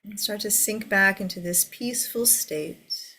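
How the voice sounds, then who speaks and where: A woman teaching a guided meditation to a seated group in a soothing, gentle way. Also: medium pitch, a little slow.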